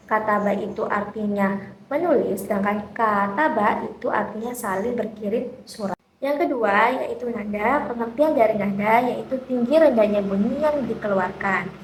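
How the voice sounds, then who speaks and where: A young woman from Indonesia, a university student, explaining a linguistics lesson in a steady way with occasional fillers. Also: medium pitch. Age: young adult. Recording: echoey room with faint background noise.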